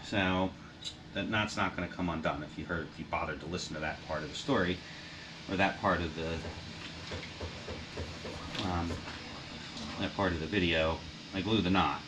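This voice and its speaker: A man gives rambling, profane, self-deprecating how-to narration of his bookbinding at home, as a hobbyist vlogger. His deep voice keeps a steady tone at a moderate pace, pausing often. The recording has wind noise from a heater blowing on the mic, plus a running printer.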